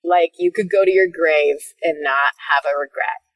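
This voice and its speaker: Woman life coach rambling on her podcast, kinda low voice, sits a bit back from the mic, swears a lot. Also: normal speed, far from the mic, rough recording. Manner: chatty and animated, swears freely, laughs often, acts out her own reactions. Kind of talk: casual solo podcast monologue.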